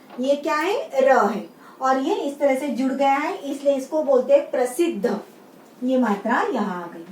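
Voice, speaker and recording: A woman schoolteacher with a high voice leads young children through a lesson. She says each word slowly, repeats it, and keeps asking the class to say it back. The sound is roomy and distant, as if the mic sits well away from her. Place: room with a writing board. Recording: roomy sound, mic set far off, faint background hum.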